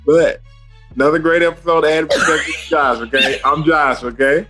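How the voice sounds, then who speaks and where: A man hosting a casual podcast chat, animated and laughing, often tagging his points with "okay?". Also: on the high side, fairly quick, soft background music. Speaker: podcast host.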